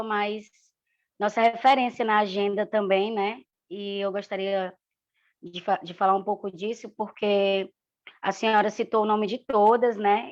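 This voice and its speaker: Brazilian woman, slightly dull live-stream audio. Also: medium pitch. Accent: Brazilian Portuguese. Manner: affectionate, admiring. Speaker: activist co-presenter.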